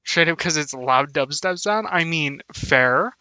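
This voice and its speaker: Bright, chatty young male streamer. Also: fairly high pitch, expressive, unhurried, smooth, dry recording. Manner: chatty, laughs often, thanks viewers warmly. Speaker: VTuber streamer. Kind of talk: casual live-stream chat.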